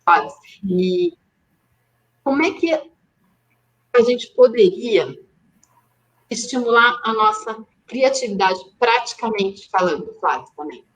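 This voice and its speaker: A woman's voice: on the high side, sing-song, slow, long pauses, low-quality recording. Chatty woman designer. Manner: conversational, with frequent tag questions. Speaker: graphic designer, host. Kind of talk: casual live-stream chat.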